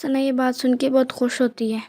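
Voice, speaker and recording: Flat-voiced woman retelling a drama episode. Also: sits high. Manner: steady retelling of scenes, quoting characters in a flat voice. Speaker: drama recap narrator. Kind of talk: scripted episode recap narration.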